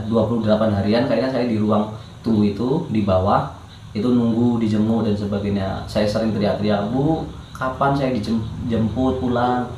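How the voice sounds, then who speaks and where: A man's voice: lowish voice, mellow, roomy sound, slight background noise, poor audio. A man, a guest telling his life story in a hesitant, casual way with fillers and restarts.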